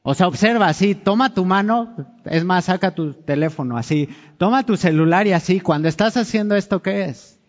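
A man preaches in a relaxed, conversational way, putting question after question to his listeners. His voice sits a little high for a man, and a long reverb trails it through a dull, muffled recording. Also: normal speed. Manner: conversational, asks the congregation questions. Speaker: pastor. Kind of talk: sermon.

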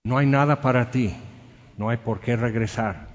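A man's voice: mid-range voice, steady tone, moderate pace, big-room sound, dull audio. A man preaching a sermon, telling stories and acting out the quotes in them. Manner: storytelling with acted-out quotes. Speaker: pastor.

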